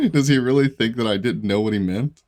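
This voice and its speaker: Sounding congested with a sore throat, this young man speaks at a medium pitch with huge pitch swings, a moderate pace, and a slightly mellow tone. He's a gaming YouTuber giving casual commentary as he plays, rambling, cutting himself off, and laughing a lot.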